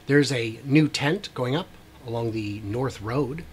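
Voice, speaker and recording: This YouTube host, a man in his forties, talks slowly in a medium pitch while narrating drone footage with wry, chatty asides and frequent "uh"s. He's recording in a small room with a brick wall, and there's a touch of background noise.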